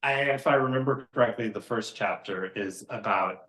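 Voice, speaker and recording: A man hosting a podcast, asking casual interview questions in a halting way and often repeating his opening words. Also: on the low side, bright, forceful tone, echoey room. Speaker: podcast host.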